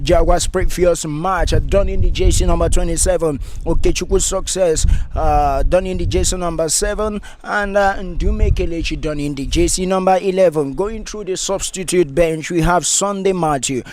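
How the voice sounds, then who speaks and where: A man giving pre-match football commentary, formally reading out a team list in a steady rhythm. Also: high voice, normal speed, hardly any pauses, a little hiss or hum.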